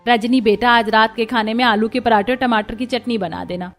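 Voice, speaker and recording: A woman voicing a bossy middle-aged mother-in-law in a cartoon, giving hurried orders. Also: a little high, steady tone, soft background music, lightly acted. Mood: ordering.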